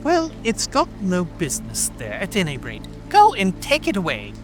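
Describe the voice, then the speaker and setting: A high-pitched, fussy storybook rabbit, irritable and imperious. The voice leaps up and down as it hands out orders, with music and rain behind it. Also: male voice, huge pitch swings, normal speed. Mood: irritable, bossy. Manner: angry, imperious, exclamatory. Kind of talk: dramatic audiobook character acting.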